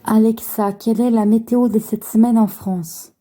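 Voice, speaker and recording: A woman hosting a video, giving a smart speaker brief, deliberate spoken commands. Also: fairly high pitch, fairly even intonation, dark tone.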